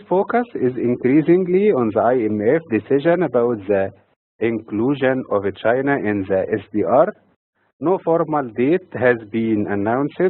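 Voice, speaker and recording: A man from Egypt delivering a scripted economic and financial markets commentary in a measured, read-from-notes manner. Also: mid-range voice, dry recording. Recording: dry, tinny phone-like audio.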